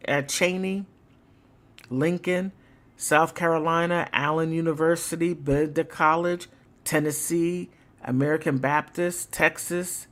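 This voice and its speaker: A livestream host rambles through political commentary at an unhurried, deliberate pace. The delivery is emphatic and casual, with laughter now and then. The voice sits at a mid pitch. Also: a bit bright.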